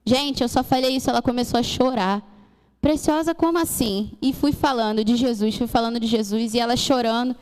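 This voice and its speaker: A woman's voice: on the high side, fairly even intonation, a little fast, hardly any pauses, a little mellow, slight background noise. A young woman giving an earnest testimony sermon in church, acting out dialogue as she tells the story. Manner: earnest storytelling, acts out dialogue, addresses congregation as "gente". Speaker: church speaker sharing mission testimony. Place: church hall. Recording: church hall with long reverb.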